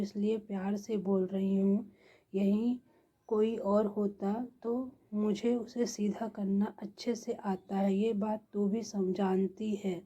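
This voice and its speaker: A quarrelsome neighbor woman in a storybook tale, put on by a woman narrator, accusing and complaining. Her voice is dark and breathy, slow and flat. The recording is dull and lo-fi. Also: medium pitch.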